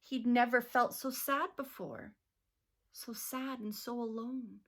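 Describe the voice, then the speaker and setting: Teacher lady reading a rhyming picture book, slow and expressive, kinda high voice. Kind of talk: picture book read-aloud.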